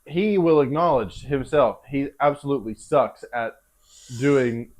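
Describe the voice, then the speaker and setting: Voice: mid-range voice, measured pace, a little mellow, a little hiss or hum. A livestream host chatting casually, laughing and restarting sentences often. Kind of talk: casual chat reacting to a podcast.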